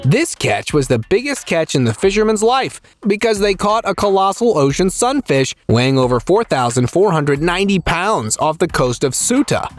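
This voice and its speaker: A man's voice: sits high, very animated, moderate pace, hardly any pauses, faint music behind. A man reading scripted nature documentary narration for a video about strange creatures, as a voice-over.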